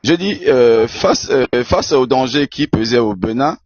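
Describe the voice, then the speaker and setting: A man from Benin speaking in an online debate, halting with many repeated words and fillers. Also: mid-range voice, expressive, darkish tone, no room sound. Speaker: debate participant. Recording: dull lo-fi audio.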